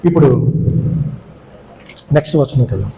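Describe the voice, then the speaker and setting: A man's voice: mid-range voice, animated, measured pace, gravelly, warm tone. A male preacher giving a sermon, emphatic, repeating key words and asking his congregation rhetorical questions. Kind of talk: Good Friday sermon. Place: church hall. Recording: echoey church hall, long reverb, faint noise.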